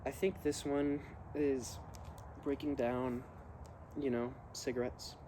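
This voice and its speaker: A man reading poems aloud and musing on them in halting short phrases while he smokes a cigar. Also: medium pitch, level tone. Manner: smoking a cigar while talking. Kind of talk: slow, musing poetry reading with casual asides. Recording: faint ambient background noise.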